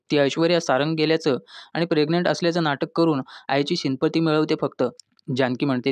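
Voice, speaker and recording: Higher-voiced man narrating a serial recap. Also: no echo. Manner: retells scenes, reading characters' lines in quotes; addresses listeners as friends. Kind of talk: scripted episode recap narration.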